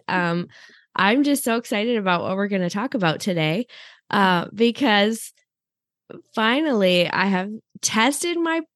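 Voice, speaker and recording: A woman's voice: mid-range voice, no room sound, clean studio sound. A woman podcast host and relationship coach who speaks in an effusive, affectionate way. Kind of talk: warm-up podcast talk and scripted promo.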